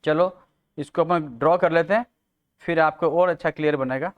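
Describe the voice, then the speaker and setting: A man's voice: a little high, clear, resonant tone, narrow, tinny audio. A man teaching a chemistry class, speaking Indian English mixed with Hindi and calling students beta while explaining a board diagram. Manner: slow, deliberate board explanation with frequent pauses. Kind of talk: classroom lecture.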